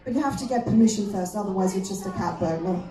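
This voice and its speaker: A woman's voice: medium pitch, quick pace, warm tone, soft background music. A woman performing a self-deprecating stand-up comedy routine, recorded from off in a roomy live venue. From Austria. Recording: roomy, distant stage microphone recording.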